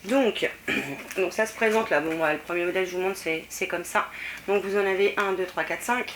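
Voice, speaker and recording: A middle-aged French woman talks casually through her purchases in a fairly low voice, pausing often on fillers. The home recording carries clear background noise, with traffic passing outside. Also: a bit bright. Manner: chatty, many hesitations and fillers. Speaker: vlogger. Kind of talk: casual haul video chat.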